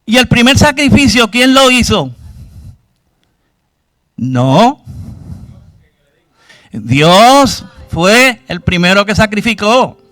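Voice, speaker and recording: A man's voice: high voice, big pitch swings, drawn-out words, long pauses, a bit bright, no echo, studio quality. A man preaching a sermon, questioning his congregation and acting out cries to God. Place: church.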